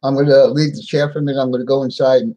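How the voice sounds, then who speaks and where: Man, toothless speech, medium pitch, halting and plain-spoken, casual livestream host, repeats himself. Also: flat delivery, mellow, low-quality recording. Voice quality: toothless, slightly slurred speech without dentures. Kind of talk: casual live stream chat.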